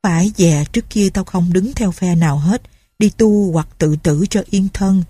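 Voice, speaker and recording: Woman voices an old peasant man, desperate and bitter, low and husky, dry storybook read. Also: moderate pace, warm tone, dry recording. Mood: lamenting. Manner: lamenting, fearful.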